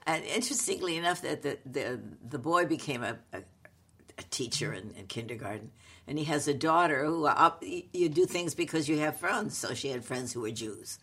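A woman, talking casually in a halting, wry and playful way as she tells stories. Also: sits low, animated, a bit bright, slightly rough. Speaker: comedic actress, podcast co-host. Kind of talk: casual conversational storytelling.

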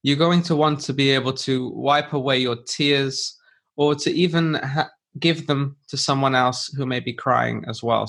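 A man who hosts an English-learning podcast and teaches English speaks with a medium-pitched, creaky, fairly bright voice. He explains in simple, conversational language and rephrases things for the learner.

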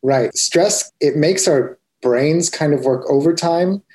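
A man's voice: fairly high pitch, slow pace, darkish tone. A man co-hosting a podcast, talking in an easygoing, chatty way with a few restarts. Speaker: podcast co-host. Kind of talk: casual chat.

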